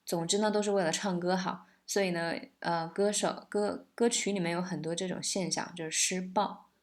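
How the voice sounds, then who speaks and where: A woman teaching the pronunciation of a pop song, patiently explaining linked sounds and laughing softly now and then. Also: lowish voice, fairly even intonation, normal speed. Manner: explains patiently, sings lines then breaks them down. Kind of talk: song lesson, explaining and singing examples.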